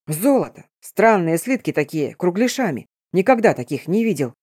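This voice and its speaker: A woman's voice: lowish voice, sing-song, normal speed, a little mellow, breathy edge, no room sound, clean studio sound. A woman voicing a terrified, grovelling man who shrieks and pleads. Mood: eager pleading.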